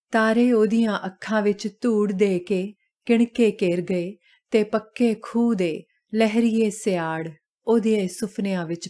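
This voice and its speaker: A woman narrating a short story in a calm, measured reading voice. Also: medium pitch.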